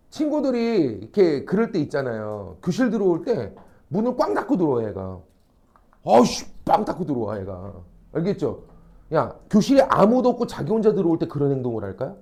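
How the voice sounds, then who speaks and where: Male academy teacher, high, very expressive pitch, mellow tone, blunt, animated, keeps checking the class. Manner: animated, acts out quoted people; casual and blunt with students, checks understanding often. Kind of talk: classroom lecture.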